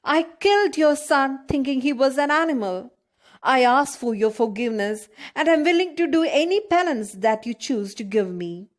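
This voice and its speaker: A woman's voice: high-pitched, animated, moderate pace, pitched above the performer's own voice. A woman reading as a remorseful pleading king. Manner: pleading, contrite. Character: remorseful young king begging forgiveness.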